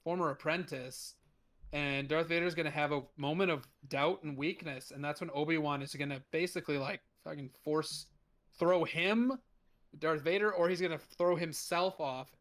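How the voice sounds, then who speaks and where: A man's voice: on the high side, normal speed, fairly bright tone. A young man co-hosting a casual fan podcast, rambling through his ideas with jokes and casual swearing. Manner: rambling, jokey, casually profane. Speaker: podcast co-host. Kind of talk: casual chat.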